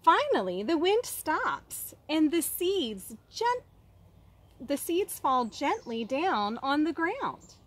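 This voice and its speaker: Reading a picture book to children like a kindergarten teacher, this woman pitches her voice high and stays very animated. Her expressive reading includes dramatic pauses and questions aimed at the young audience.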